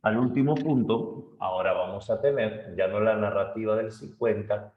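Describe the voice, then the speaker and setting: A man's voice: fairly low pitch, moderate pace. A man tutoring literature for an entrance exam, retelling a short story and acting out its characters' lines before he moves on to the next topic. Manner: animated storytelling, acting out quotes. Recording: muffled roomy lo-fi audio.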